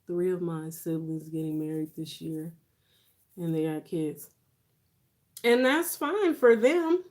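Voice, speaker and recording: Livestream host, woman, forties, lowish voice, informal and reassuring advice-giver. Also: expressive, takes it slowly, darkish tone. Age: 40s. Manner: reassuring, conversational advice-giving. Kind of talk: casual livestream chat with viewers.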